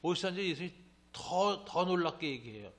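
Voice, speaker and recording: A man teaching a Bible class as a pastor, lively and joking, acting out the voices of the people he quotes. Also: high-pitched, brisk. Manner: animated, acts out quoted voices, joking asides.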